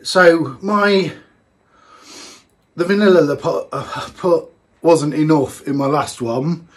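A man's voice: a little high, takes it slowly. A man, chatting casually as he tastes a homebrewed beer in a small home brewing room, thinking aloud with plenty of fillers. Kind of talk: casual tasting vlog.

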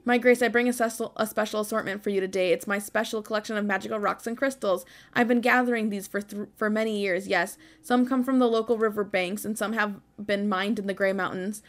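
An eager fortune teller from a video game, read out by a woman. The patter is courteous and flowery, pitched a little above an everyday talking voice. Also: natural voice. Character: eager fortune teller peddling magical rocks and crystals. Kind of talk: reading game dialogue aloud.

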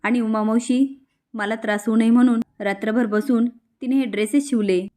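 A woman's voice: fairly high pitch, fairly even intonation, moderate pace, dark tone, lightly acted. A woman voicing a young daughter who earnestly pleads with her father, in a spoken soap-story retelling. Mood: pleading.

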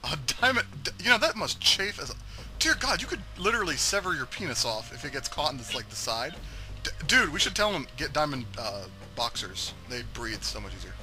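A man's voice: on the high side, very animated, brisk, pushed and bright, soft background music. A man chatting casually while playing a video game, cracking crude jokes and putting on silly voices. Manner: crude joking, mock voices. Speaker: co-host of a gameplay video. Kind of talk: casual gaming chat.

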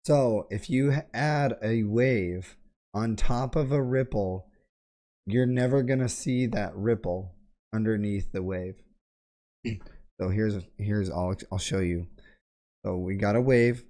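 Hoarse from a sore throat, a young man hosts a casual screen-share tech tutorial in his home gaming room. His voice sits low and his pace is slow as he explains in a relaxed manner, frequently clearing his throat. He wears a headset, its boom mic close to his face.

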